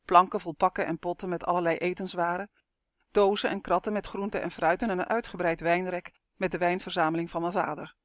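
A narrator reading a first-person suspense story in a steady, measured way on a close microphone. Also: medium pitch, no room sound. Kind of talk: audiobook narration of a suspense novel.

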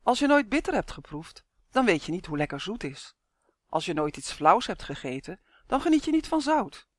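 A woman's voice: medium pitch, big pitch swings, no room sound. Woman doing a magical creature, female, hot-tempered, preachy, raised voice, dry close sound, storybook. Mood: lecturing. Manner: indignant, lecturing, quick to temper.

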